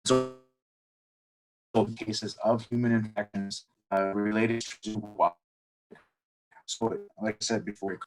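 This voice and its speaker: A man's voice: on the low side, little pitch movement, slow pace, pauses often, poor audio. A man giving a technical presentation over a video call, his audio breaking up and cutting out. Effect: audio breaking up over an online call.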